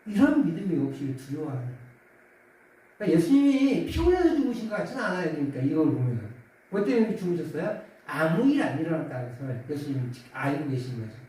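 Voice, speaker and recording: A pastor, a man, preaches in a casual, chatty way, and his voice sounds mellow and warm. His pitch swings widely, and he raises it when he acts out the quoted voices. He sounds far from the mic in a very echoey church hall. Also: sing-song, fast talker. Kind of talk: sermon. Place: church sanctuary.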